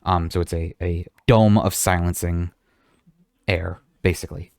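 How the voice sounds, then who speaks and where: A man's voice: low-pitched, fairly even intonation, a little slow, a little mellow, no room sound, studio quality. A man running a tabletop game as game master, talking casually with a rambling manner. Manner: casual, rambling, lots of fillers.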